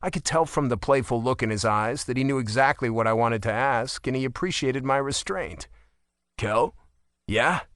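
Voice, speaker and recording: A man narrating a romance audiobook in the first person, expressive and wry. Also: medium pitch, a little fast, few pauses, clean tone, no echo, clean studio sound.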